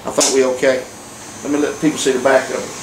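Folksy barber coaching over buzzing clippers. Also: male voice, mid-range voice, fast, heavy background noise. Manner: calm, folksy, repeats short instructions. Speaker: master barber instructing a student. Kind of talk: casual coaching. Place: small barbershop indoors. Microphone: camera on tripod across the room. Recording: echoey room with loud clipper buzz.

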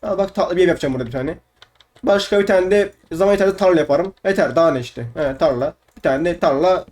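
Fast-talking young man narrating gameplay. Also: on the high side, a little mellow. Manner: fast, chatty, swearing playfully, repeats words. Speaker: gaming YouTuber. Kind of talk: casual let's-play commentary.

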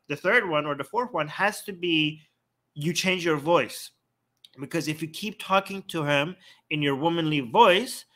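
A man from Iran, co-hosting a casual livestream chat, animated and often laughing. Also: fairly high pitch. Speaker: co-host.

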